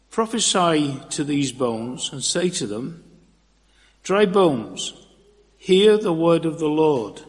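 A man reading scripture aloud in a church, deliberate and expressive, at a pulpit microphone. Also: on the high side. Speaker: scripture reader. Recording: long church reverb.

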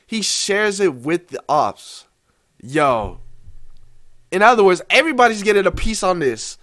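A young American man hosting a reaction video, excitedly exclaiming and breaking down what he hears. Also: high-pitched, measured pace. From United States. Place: small indoor room at a desk. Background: faint music from the video he plays.

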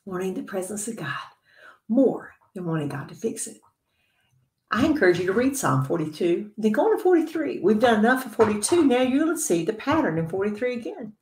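A woman giving a devotional Bible teaching to other women, earnest and conversational, sometimes dropping to a soft whisper. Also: medium pitch, sing-song, fairly quick, reverberant.

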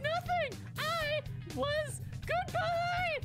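Squeaky, very high, cutesy Amy. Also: steady tone, drawn-out words, full character voice. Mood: flirty, coy. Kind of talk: improvised comedy game fan dub. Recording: game music behind the voice.

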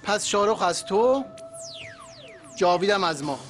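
A man's voice: high-pitched, animated, fairly bright tone, soft background music. An actor in a TV drama playing a terse henchman giving short orders. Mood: curt. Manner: curt, commanding. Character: curt gang henchman.

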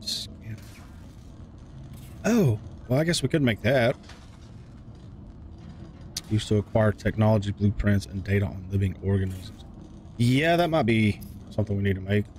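A man's voice: lowish voice, expressive, measured pace, long pauses, darkish tone. A man in his thirties thinking aloud in casual, laid-back let's-play commentary, often muttering to himself. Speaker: gaming streamer. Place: small room at home. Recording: faint game noise behind.

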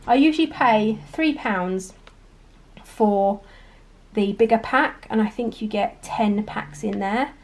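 A middle-aged British grocery haul vlogger chats casually to camera at home, where a table of shopping sits before her. She is chatty and self-amused, laughing lightly often, with a medium-pitched, slightly mellow voice and a slow pace. She stays off screen, recorded on a handheld camera.

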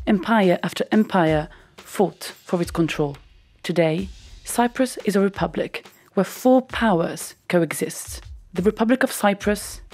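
A woman giving scripted documentary narration in an even, explanatory manner. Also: on the low side.

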